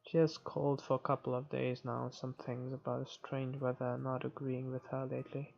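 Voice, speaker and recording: With vocal fry and little pitch movement, a medium-pitched voice reads visual novel narration at a moderate pace during a game playthrough. The player throws in offhand comments and sometimes stumbles, all muffled beneath background game music.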